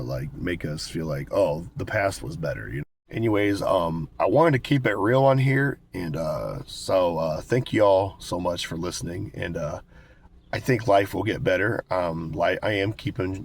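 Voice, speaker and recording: An American man in his twenties with a cold and a raspy smoker's voice, chatting casually and candidly to viewers with plenty of swearing. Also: sits low. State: hoarse with a cold, smoker's rasp. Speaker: vlogger. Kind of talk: casual rambling talk to viewers.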